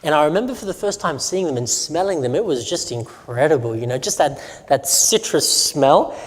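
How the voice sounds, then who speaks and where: A Romanian pastor delivers a sermon, his rather high male voice moving at a normal speed with lively intonation. He tells stories and puts questions to the audience, and a long hall reverb trails his words.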